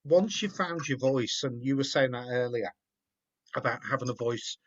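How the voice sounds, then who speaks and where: A man's voice: medium pitch, normal speed, fairly bright tone. Rambling, encouraging man on a call. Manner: rambling, encouraging, repeats words. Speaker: host. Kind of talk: casual chat. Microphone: video call. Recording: muffled video call audio.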